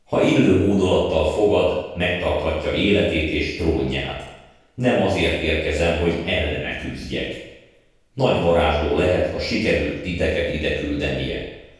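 A man voicing a proud, cruel witch queen who speaks in a haughty, commanding way, with a heavy echo effect on the voice. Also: extremely low pitch. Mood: imperious. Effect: heavy echo reverb on the voice. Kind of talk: audiobook character voice. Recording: strong added echo, faint music.

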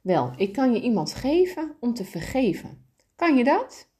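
A woman's voice: a little high, very animated, a little slow, husky, voice pushed up, exaggerated voice. A woman voicing a kind, wise soul. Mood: gentle. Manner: gentle, patient explaining.

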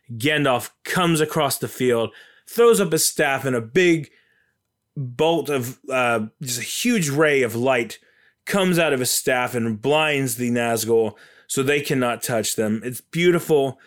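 A man's voice: mid-range voice, measured pace. A man giving a casual, enthusiastic and rambling recap of a film.

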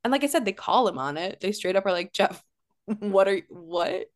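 A woman co-hosting a casual podcast, animated and laughing, often mock-outraged. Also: mid-range voice, normal speed. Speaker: podcast co-host.

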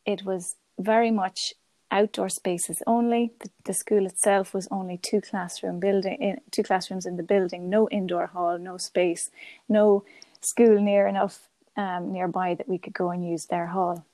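A woman speaks with a west of Ireland accent in a chatty, enthusiastic way, as a guest answering interview questions. Her pitch sits in the middle range for a woman. The sound is dry, with no room echo. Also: little pitch movement, unhurried, dark tone. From Galway, west of Ireland. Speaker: podcast guest, primary school teacher.

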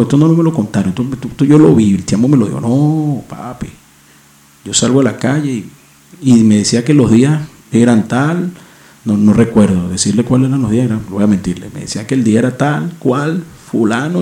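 Speaking into his home mic setup, this Venezuelan podcast host talks in a lowish, warm voice that echoes around the room. He carries a Venezuelan accent and keeps restarting, cursing and slipping into slang as he rambles on.

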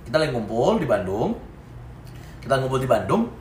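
Animated young man with slang. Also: medium pitch, brisk. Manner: animated, slangy, acts out quotes with sudden loud bursts. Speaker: podcast co-host. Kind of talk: casual chat, storytelling. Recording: echoey room, faint noise.

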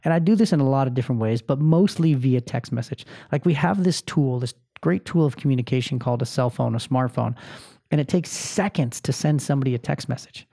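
A man's voice: mid-range voice, fairly quick, gravelly, mellow, no room sound, studio quality. A man hosting a podcast, telling personal stories in a candid, self-deprecating way and swearing freely. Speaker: podcast host. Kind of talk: casual personal monologue.

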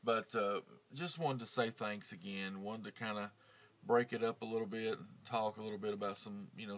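This is a casual outro chat from a man who hosts a true crime podcast, speaking in a lowish, somewhat bright voice. His talk meanders, full of fillers and restarts.

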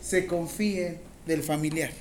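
A woman with a Mexican accent teaching a classroom of nursing students, lively and teasing, asking them questions directly. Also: deep voice, measured pace, slight background noise. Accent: Mexican Spanish. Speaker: nursing instructor. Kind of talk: classroom lecture.

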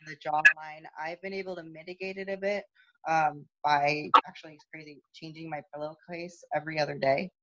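This young woman, a competitive lifter, talks briskly with fairly even intonation in a casual phone interview, and the audio is very noisy and muffled. Her speech has many fillers and restarts, and her voice, having lost its upper register, is no longer high.

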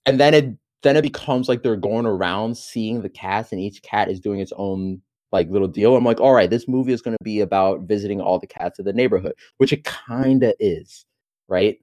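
A man's voice: lowish voice, a little fast, a little mellow. A man in casual chat, telling a story with exasperation and acting out his own reactions.

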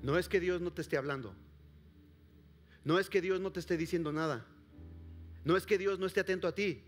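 Impassioned pastor, loud then whispering. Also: male voice, high voice, fairly quick, faint music behind. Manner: preaching with big swings from loud calls to hushed near-whispers; addresses the congregation directly with questions. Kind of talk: sermon. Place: church service before a congregation.

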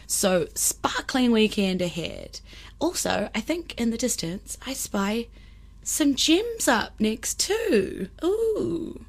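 A woman with a broad New Zealand accent chatting casually and colloquially as a podcast host. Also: mid-range voice. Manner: colloquial, with Kiwi slang and Māori phrases.

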